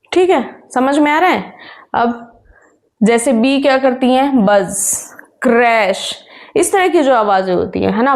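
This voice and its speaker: A high-pitched woman with an Indian accent, teaching an exam-prep English lesson. She takes her time, drawing out definitions word by word and mixing Hindi and English as she goes. She keeps checking in with her students through rhetorical questions. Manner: reads definitions slowly, explains quickly.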